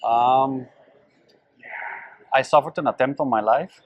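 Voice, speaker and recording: A man from the Netherlands speaking as an interview guest. He talks at a middle pitch. His answers come hesitantly, with frequent fillers and restarts. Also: takes it slowly, poor audio. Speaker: guest, event volunteer.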